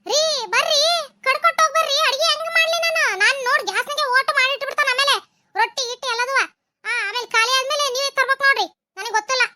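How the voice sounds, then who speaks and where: A woman's voice: very high-pitched, rapid-fire, bright, forceful tone, no echo, studio quality, heavily acted. A woman voicing a nagging, scolding village wife in a cartoon, with a North Karnataka Kannada accent. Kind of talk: cartoon voice acting.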